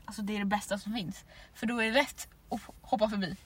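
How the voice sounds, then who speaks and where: A woman's voice: mid-range voice, fairly even intonation, fairly bright tone, breathy edge, distant mic. An eighteen-year-old woman from Sweden co-hosting a podcast in giggly, rambling casual chat. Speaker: podcast co-host.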